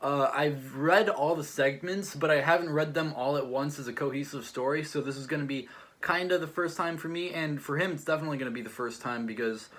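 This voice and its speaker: A man who hosts and judges a challenge show chats casually while reviewing stories, rambling hesitantly and saying "like" a lot. His voice is a little high and fairly bright, and he talks fairly quickly.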